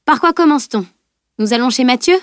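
A woman reading the voice of a spirited, bossy teenage girl in an audiobook, brisk and commanding. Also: sits high, lively intonation, clean tone, dry recording, clean studio sound, pitched above the performer's own voice.

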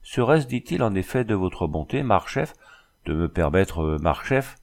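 A man's voice: low voice, very animated, normal speed, vocal fry, heavily acted. A man reading a boastful, fussy French army dragoon in an audiobook, raising his voice for the role. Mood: fawning. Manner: fussy, keeps repeating a title.

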